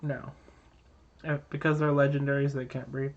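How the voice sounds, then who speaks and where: A man's voice: mid-range voice, little pitch movement, normal speed. A man co-hosting a live game stream who rambles through trivia explanations, full of uh and um. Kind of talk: casual chat and trivia explaining. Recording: dull lo-fi mic.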